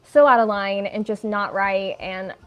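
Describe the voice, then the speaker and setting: A woman's voice: medium pitch, steady tone, measured pace, a bit bright. A woman hosting a casual at-home livestream, chatting while she crochets, rambling and easily sidetracked, with a lot of "like". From United States. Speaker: livestream host.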